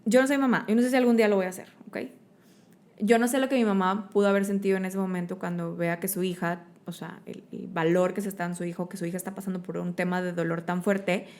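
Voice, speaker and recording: A woman's voice: on the low side, steady tone, fast talker, a little mellow. A woman from Monterrey, Mexico, with a Mexican Spanish accent, speaking as a guest in an interview. She talks expressively, with many fillers and tag questions. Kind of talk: conversational interview storytelling.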